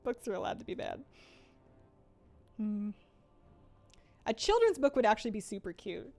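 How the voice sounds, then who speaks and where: A woman's voice: medium pitch, sing-song, moderate pace, gravelly, a little mellow, soft background music. A woman in her late twenties chatting casually on a live game stream, reading chat and joking about herself. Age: 20s. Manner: chatty, self-deprecating, reads chat aloud.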